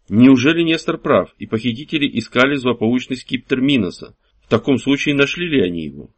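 A male audiobook narrator who reads in a measured, even way. His voice sits at an ordinary middle pitch. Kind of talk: scripted narration.

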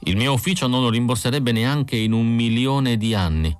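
A man's voice: medium pitch, normal speed, clean tone, no echo, soft background music, pitched above the performer's own voice, close to an everyday voice. A man reading an audiobook voices an arrogant, trigger-happy male bounty hunter with a brusque, scornful manner. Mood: dismissive.

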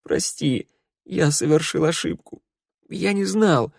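Guy voicing a sobbing young undead dude in an audiobook, voice way up high and breaking, all guilt. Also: lively intonation, takes it slowly, no echo, clean studio sound. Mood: pleading, tearful. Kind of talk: audiobook character voice.

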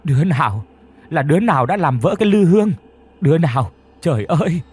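A man's voice: fairly high pitch, expressive, brisk, darkish tone, breathy edge, pitched above the performer's own voice. A man voicing a frantic elderly grandmother who shrieks and wails. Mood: wailing. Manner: shrieking, wailing.

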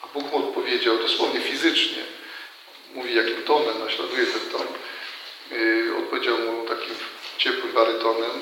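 A man's voice: mid-range voice, level tone, normal speed, far from the mic. A man, a priest, giving an earnest retreat talk, telling a story with frequent restarts and repeated words. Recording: very echoey hall, faint noise.

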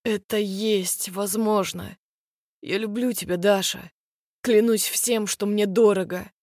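A woman voicing a desperate young man pleading softly. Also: medium pitch, fairly even intonation, slow pace, no room sound, studio quality, natural voice. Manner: soft, near-whispered pleading. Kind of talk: audiobook character voice.

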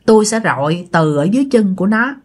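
A woman's voice: medium pitch, animated, fast, natural voice. A woman doing a grave old village shaman. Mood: instructing.

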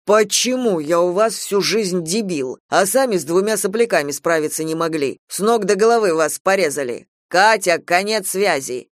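A woman's voice: on the low side, lively intonation, normal speed, few pauses, no echo, clean studio sound, close to an everyday voice. A woman voicing an indignant wounded old man. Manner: defensive, indignant grumbling. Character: wounded older man, grumpy, hurt joker.

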